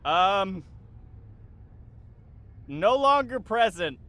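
A man's voice: high voice, very animated, very slow, a bit bright, exaggerated voice. A man playing a friendly, awkward droid crew member who talks politely with lots of hesitation. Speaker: player.

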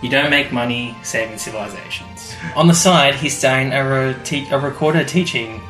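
A man co-hosts a podcast in casual chat, explaining things with a fan's enthusiasm. His voice is mid-range and a bit bright, and he moves at a moderate pace. The room is echoey, with soft music playing in the background.

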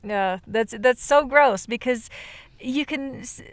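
A woman's voice: high voice, slow pace, no room sound. Thoughtful woman with a voice giving out, close and dry. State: voice starting to give out. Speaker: podcast co-host. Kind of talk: casual reflective discussion.

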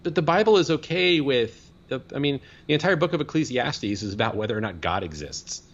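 A man's voice: mid-range voice, lively intonation, brisk, dull audio. A man co-hosting a podcast, a priest talking casually and rambling with many fillers and restarts.

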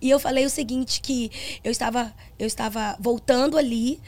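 A woman pastor with a Brazilian accent gives a personal testimony in conversation. Her fairly high voice carries a gravelly fry. She tells it earnestly and acts out the dialogue she remembers. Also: steady tone, moderate pace, darkish tone. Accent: Brazilian Portuguese.

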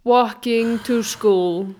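A woman's voice: fairly high pitch, steady tone, very slow, dark tone. A woman from Iceland, chatting bluntly and opinionatedly. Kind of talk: casual chat.

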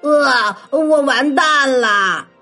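A woman's voice: on the high side, expressive, a little slow, fairly bright tone, husky, faint music behind, exaggerated voice. A woman voicing a hungry, sly and cowardly male wolf in a children's story, stammering and whining. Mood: weary, whining.

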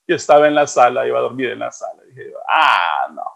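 A man's voice: mid-range voice, fairly even intonation, fairly quick, gravelly, breathy edge. A middle-aged man, telling stories in a casual chat and repeating words for emphasis. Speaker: co-host.

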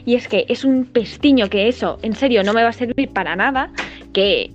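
An excitable teenage girl chats casually and swears freely. Her voice sits fairly high. The recording is slightly dull and lo-fi, with faint music in the background. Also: normal speed. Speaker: student. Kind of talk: casual chat.

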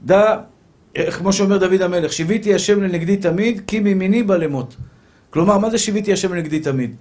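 A man, a rabbi, giving an animated sermon full of rhetorical questions and repeated phrases, his speech a little slurred after tooth extractions. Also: sits high. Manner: animated, acts out little scenes and voices.

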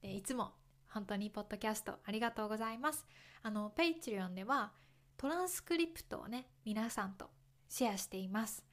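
A woman from Kyoto hosting a podcast for Japanese learners, speaking slowly and clearly, explaining gently and repeating examples. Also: medium pitch, lively intonation. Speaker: podcast host teaching Japanese. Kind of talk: slow, clear talk for learners.

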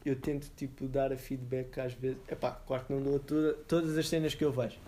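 A young man co-hosts a podcast in a soft, mellow voice. His talk is informal and slangy, and he often repeats words as he works out a thought. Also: medium pitch, flat delivery, a little hiss or hum. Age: young adult. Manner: informal and slangy, thinking aloud in halting repetitions. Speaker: podcast co-host. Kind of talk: casual chat.

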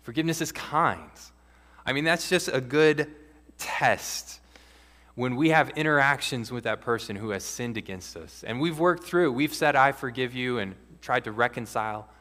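A man preaching a sermon as pastor, earnest and measured, with occasional restarts. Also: mid-range voice, sharp tone. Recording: long hall reverb.

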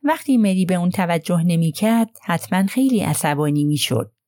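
Gentle probing male detective read by a woman, soft, murmuring, lower-pitched voice. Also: animated, no echo, clean studio sound, natural voice.

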